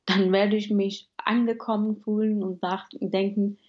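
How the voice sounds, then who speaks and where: A woman's voice: mid-range voice, little pitch movement, measured pace. Woman from afghanistan, reflective, earnest talk, kinda dull lo-fi audio. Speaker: studio guest. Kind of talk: radio interview.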